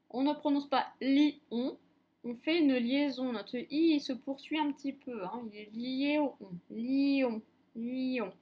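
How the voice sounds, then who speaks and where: A woman with a high, bright voice leads a reading lesson for young children. She speaks at an unhurried pace and stretches out each sound so that it comes through clearly. Her delivery is that of a patient schoolteacher. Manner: slow, clearly articulated, drawing out sounds. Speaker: primary school teacher.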